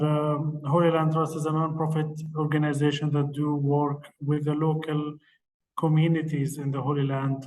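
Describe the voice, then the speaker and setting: A man speaks on a video call from outdoors, earnest and halting. His voice sits a little high and stays level. He sounds set back from the mic, with faint street sound behind him. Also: darkish tone, distant mic, slight background noise, poor audio. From Palestine. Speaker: tour organizer. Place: outdoors in a town square.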